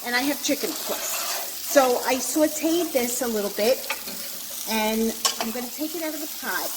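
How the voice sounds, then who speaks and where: A mature woman with a Brooklyn accent casually talks through a home-cooking demonstration at a moderate pace, her voice on the high side. She's filmed on a handheld camera without a tripod in an echoey apartment kitchen, with a pan clearly sizzling and stirring in the background.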